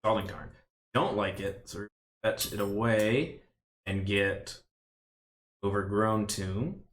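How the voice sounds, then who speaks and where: A man's voice: lowish voice, takes it slowly, fairly bright tone, roomy sound. A man streaming a card game, thinking aloud in casual play-by-play commentary with rambling, self-mocking asides. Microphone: desk stream mic.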